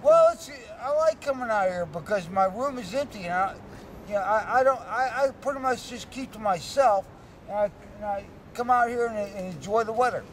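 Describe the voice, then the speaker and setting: A man's voice: high-pitched, very animated. Terse middle-aged man on a street. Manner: terse, halting replies. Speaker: interviewee. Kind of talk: street interview answers. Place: city sidewalk outdoors, sitting against a wall. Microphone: handheld camera mic from a few feet. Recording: distant outdoor street recording with traffic. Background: street traffic.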